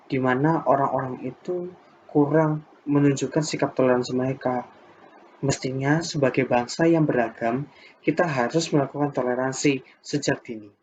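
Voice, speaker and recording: A man's voice: medium pitch, darkish tone, slight background noise. A young man, a student presenter, giving an earnest explanatory talk in an urging, encouraging manner. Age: young adult. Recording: dull lo-fi recording.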